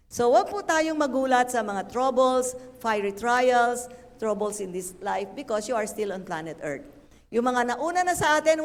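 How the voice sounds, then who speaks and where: A woman pastor preaching a lively, playful sermon, slipping English phrases into her talk. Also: a little high. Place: church hall. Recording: echoey church hall.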